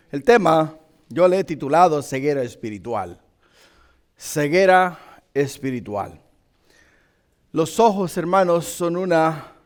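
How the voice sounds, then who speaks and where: A man with a hoarse, croaky frog voice preaching and praying as a pastor, using emphatic repetition and questions to his congregation. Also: mid-range voice. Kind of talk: sermon with prayer and scripture reading.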